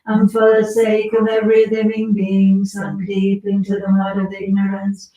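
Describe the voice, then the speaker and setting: A woman leading a Buddhist practice, speaking earnestly and in a measured way, softly announcing and reading prayers aloud inside an echoey cave. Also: medium pitch, completely flat delivery. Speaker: leader of a Buddhist practice session. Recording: echoey cave, distant mic.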